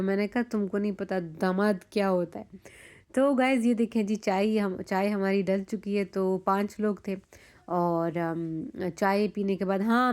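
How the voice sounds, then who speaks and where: Chatty Pakistani woman vlogging casually. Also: mid-range voice. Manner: chatty, animated storytelling with many fillers. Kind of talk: casual vlog narration.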